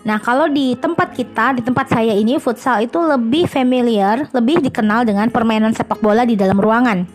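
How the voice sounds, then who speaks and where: A woman English teacher hosting a podcast, explaining student recordings in a measured way with frequent hesitant fillers. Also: on the high side.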